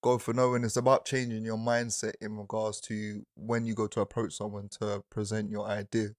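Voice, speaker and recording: A man, a podcast guest answering questions in a relaxed way and laughing easily. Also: fairly low pitch, fairly quick, dry recording, studio quality. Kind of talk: interview answer.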